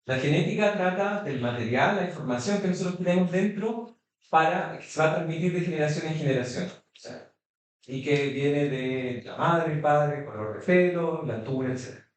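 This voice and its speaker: A man's voice: on the high side, expressive, normal speed. A man in the audience asking a question, hesitant and restarting often. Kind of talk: questions from the floor. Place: consulate event hall. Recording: echoey hall, distant mic.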